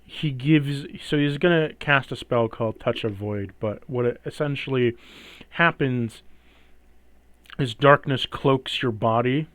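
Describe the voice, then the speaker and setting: A man's voice: mid-range voice, measured pace, a bit bright, dry recording. Male game master, dry close sound. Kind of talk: narrating a tabletop fantasy game.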